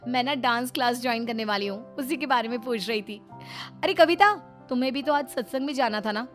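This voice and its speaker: A woman doing a shrill feisty mother-in-law. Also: soft background music, lightly acted. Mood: chirpy. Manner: shrill, scolding, quick-tempered. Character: feisty youthful mother-in-law, loud and bossy.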